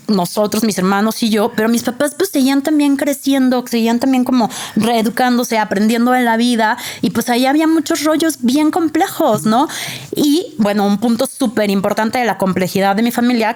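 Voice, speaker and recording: High-voiced Mexican woman in her forties. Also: darkish tone. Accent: Mexican Spanish. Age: 40s. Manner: earnest and personal, with frequent fillers and tag questions. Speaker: guest. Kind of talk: candid interview.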